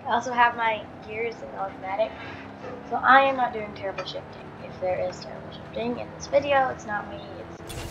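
Speaking fairly quickly in a slightly high voice, a tired gaming channel host chats through a racing game with a scratchy morning rasp. The highs are cut off in the recording, and loud car engine audio plays behind her as she muses aloud and counts down launches.

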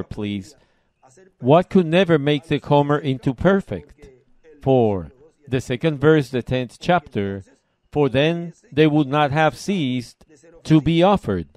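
A man from Puerto Rico preaching a sermon, reading passages aloud and explaining them in short, deliberate phrases. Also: medium pitch, darkish tone. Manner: measured, emphatic, pauses between short phrases. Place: church service.

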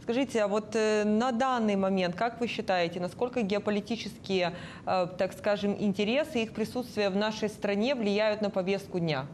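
A woman's voice: medium pitch, normal speed, darkish tone, a little hiss or hum. A woman in her thirties puts formal political interview questions as a TV host, on a lapel microphone in a studio. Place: indoor TV studio.

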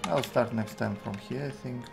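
A man in his twenties with a Russian accent, thinking aloud in halting fragments as he gives casual live game commentary. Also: medium pitch, gravelly. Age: 20s. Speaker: game streamer. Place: indoor room at a computer. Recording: music behind the voice. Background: music, keyboard typing.

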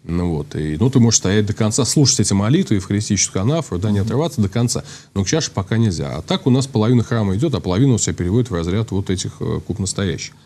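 A man in his thirties, appearing as a priest guest on a studio talk show with a lapel microphone, explains at length in a fairly low, dark voice. His intonation is lively and his delivery rapid-fire with few pauses, full of restarts and fillers as he thinks aloud.

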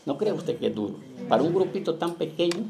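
A male pastor preaching to his church, often checking in with the congregation and slowing down to read scripture aloud. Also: on the high side, sing-song, creaky, crowd noise. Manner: keeps asking the flock "¿verdad?"; reads scripture slowly and loudly. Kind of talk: Pentecostal-style sermon. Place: church in Las Vegas.

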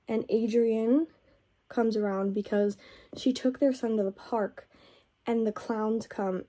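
A woman's voice: medium pitch, mellow. A woman book vlogger in a casual review chat, retelling a plot in a rambling way and saying "like" often.

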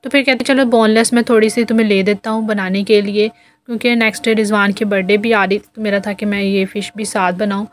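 Flat-toned Pakistani woman vlogging. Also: medium pitch, fast talker. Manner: chatty, filler-heavy, step-by-step explaining. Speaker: home vlogger. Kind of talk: casual voice-over narration.

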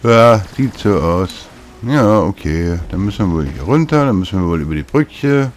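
Game music plays behind this man as he chats his way through a video game, muttering to himself like a typical let's play host. His voice sits low and is expressive, at a normal speed, with a faint hiss or hum.

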